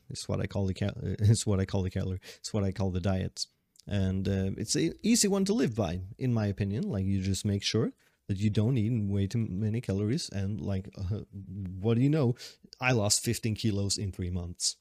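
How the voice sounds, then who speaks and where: A man's voice: lowish voice, moderate pace, a little mellow, no room sound, studio quality. A man in his late twenties chatting casually on a solo podcast, rambling and correcting himself, often laughing. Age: 20s. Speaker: podcast host.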